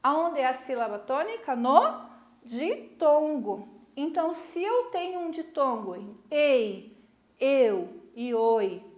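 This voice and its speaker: High-voiced Brazilian teacher in an echoey room. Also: female voice, darkish tone. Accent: Brazilian Portuguese. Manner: explains slowly, stretches key syllables, checks in with "né?" and "tá?". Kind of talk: recorded online lesson for middle school.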